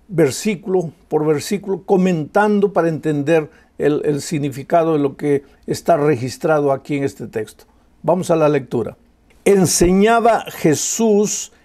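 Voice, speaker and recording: Impassioned preaching man, fairly high voice. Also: warm tone. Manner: impassioned preaching with rhetorical questions and repetition. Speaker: pastor. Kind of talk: sermon.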